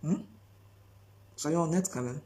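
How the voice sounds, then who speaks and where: Woman preacher, sermon delivery; low, mellow tone, insistent and repetitive, heavy on rhetorical questions. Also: takes it slowly. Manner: insistent, repeats phrases and fires rhetorical questions.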